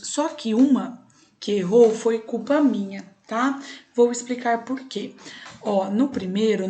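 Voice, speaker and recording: With a dark tone in a mid-range voice, a young woman with a Brazilian Portuguese accent walks students step by step through a recorded online lesson. She keeps checking in by saying "tá?".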